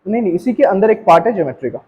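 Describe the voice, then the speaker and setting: Racing through a maths lesson in Hindi with English terms mixed in, an Indian man speaks straight to his students and checks that they are keeping up. His voice is high-pitched and sing-song, and the recording sounds muffled.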